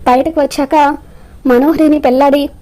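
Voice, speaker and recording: Woman doing a resentful young man in a serial recap, high and soft-toned. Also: steady tone, moderate pace, close to an everyday voice. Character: vengeful young man out of jail, scheming.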